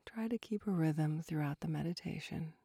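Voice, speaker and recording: A woman softly narrating a guided relaxation like a sleep story, with gentle, breathy, unhurried instructions that drift toward a whisper. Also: deep voice, dry recording, studio quality.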